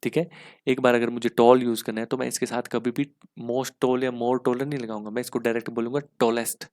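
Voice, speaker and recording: A man teaching English for an exam in a mix, explaining step by step with rhetorical questions and spelling words out slowly. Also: medium pitch, little pitch movement, a little mellow. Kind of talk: exam-prep lesson in Hindi-English mix.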